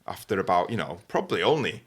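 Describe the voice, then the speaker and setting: A man's voice: sits low, quick pace. A young man telling stories in a casual chat. He talks with lots of fillers and laughs often. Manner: animated, laughing storyteller with many fillers. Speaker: guest host.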